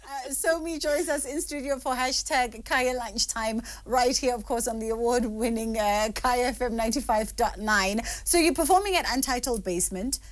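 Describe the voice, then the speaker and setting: A woman's voice: a little high, moderate pace, few pauses. Bubbly woman radio host. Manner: bubbly, effusive, gushing. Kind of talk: radio studio interview. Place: radio studio.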